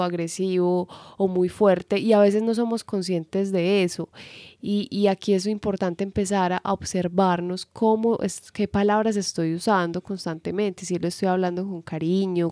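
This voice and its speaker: A woman co-hosting a relationship advice talk, calm and explanatory with some false starts. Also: lowish voice, no echo, studio quality. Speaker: co-host and relationship coach. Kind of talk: casual advice talk to viewers.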